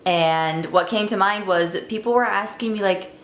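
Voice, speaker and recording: A twenty-year-old woman vlogs to the camera, recounting her life story in a candid, wry, chatty way. Her mid-range voice moves at a moderate pace over a slight hiss or hum. The room sounds echoey, with faint ambient noise.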